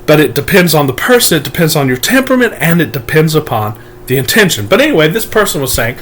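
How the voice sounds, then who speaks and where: A man's voice: a little high, big pitch swings, fast talker, fairly bright tone, slight background noise. A man speaking as a manifestation coach, giving an emphatic, preachy motivational monologue to his viewers and often calling them "guys".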